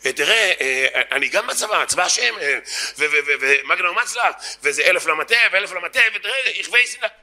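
A man's voice: high-pitched, animated, hardly any pauses, pushed and bright, heavily acted. A man doing a stammering timid yeshiva boy. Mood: flustered. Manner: stammering, hesitant, flustered.

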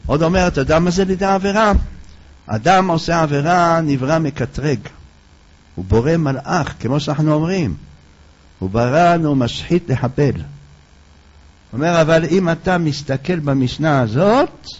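A male preacher giving a sermon, telling parables and acting out their dialogue. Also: fairly high pitch. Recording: dull lo-fi recording.

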